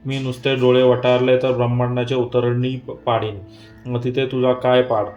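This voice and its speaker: A fierce, scornful goddess woken from her rest, read out by a man. She scolds and threatens in a flat, even delivery at a medium pitch. Faint instrumental music plays underneath. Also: moderate pace, echoey room, lo-fi sound, close to an everyday voice.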